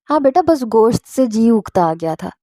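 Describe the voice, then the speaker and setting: A woman voicing a fussing middle-aged mother who dotes on a visiting nephew and covers up with quick excuses, in a spoken story. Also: fairly high pitch, very animated, dark tone, dry recording, clean studio sound. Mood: flustered.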